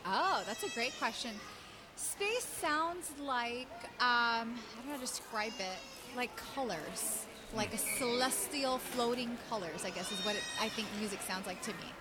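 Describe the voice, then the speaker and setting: A woman's voice: a little high, unhurried. A young woman, a choir member, giving cheerful, somewhat hesitant interview answers. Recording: noisy outdoor background.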